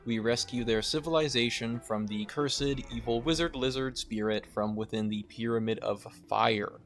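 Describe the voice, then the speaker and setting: A young adult man with a middle-pitched voice narrates a game retrospective. His delivery is scripted yet conversational, with faint music behind him. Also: normal speed, fairly bright tone. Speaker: video game essayist.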